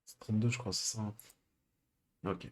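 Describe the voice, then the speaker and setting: A man streaming a live coding session, thinking aloud with many pauses and fillers. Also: lowish voice, steady tone, a little mellow.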